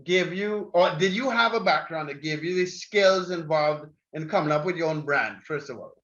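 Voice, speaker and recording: A man's voice: fairly high pitch, normal speed, a bit bright, lo-fi sound. A man hosting a casual online interview, talking in a chatty, rambling way. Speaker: interview host.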